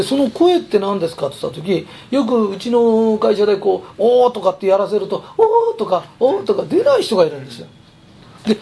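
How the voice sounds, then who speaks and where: A man's voice: sits high, gravelly, warm tone, slight background noise. A man who runs a company, giving a chatty, emphatic motivational talk. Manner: chatty, emphatic, persuasive storytelling. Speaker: company president.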